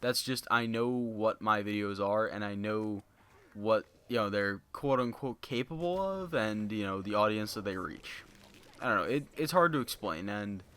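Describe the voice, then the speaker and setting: With a clear, resonant tone at medium pitch, a young man chats casually with his viewers as a gaming YouTuber. The talk is unscripted, monotone, and rambling, heavy on "you know"s and other fillers, recorded through a low-end home microphone.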